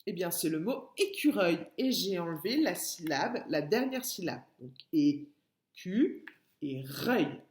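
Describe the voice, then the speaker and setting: A woman teaching a phonics lesson to young children, breaking words into syllables slowly and patiently. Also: lowish voice, expressive, reverberant. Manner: slow, syllable-by-syllable, patient explaining. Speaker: kindergarten teacher.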